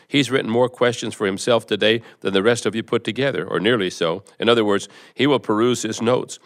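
Calm patient spirit teacher, read by a man, low voice, measured, keeps explaining. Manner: measured, explanatory, repeats "in other words". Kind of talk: reading a seminar transcript aloud.

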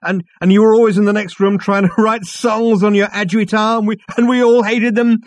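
A man voicing a tipsy, cheerful alien hitchhiker who gushes in a raised, loud voice. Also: steady tone, a little fast, no room sound, natural voice. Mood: gushing. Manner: high, loud, gushing.

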